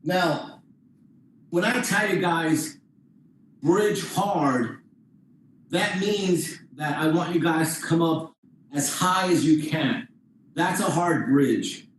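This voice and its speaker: High-voiced male martial arts coach, very echoey. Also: slow pace. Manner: informal, explanatory, step-by-step. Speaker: jiu-jitsu instructor. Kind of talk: hands-on class demonstration. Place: indoor training room. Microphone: distant camera microphone. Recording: distant mic, very echoey room, faint noise.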